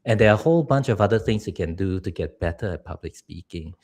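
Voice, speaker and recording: Speaking fast and expressively, a middle-aged man from Singapore coaches public speaking on a live stream, his low voice darkish in tone and a touch rough. He's earnest and advice-giving, with laughs here and there.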